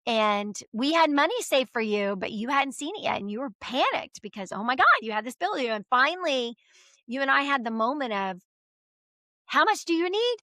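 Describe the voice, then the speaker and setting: Lively, bright-voiced middle-aged mother. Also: a little high, fairly quick, no room sound. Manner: animated storyteller acting out quoted voices. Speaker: interview guest, mother. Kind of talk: casual chat.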